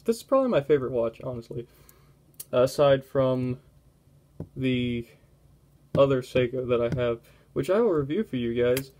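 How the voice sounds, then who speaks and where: Casual young man reviewing a watch. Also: medium pitch. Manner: relaxed, rambling, self-interrupting. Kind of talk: casual product review vlog.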